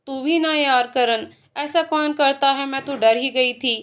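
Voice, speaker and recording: A woman voicing a feisty young woman office worker who protests in a lively way. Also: high-pitched, unhurried. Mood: fretful.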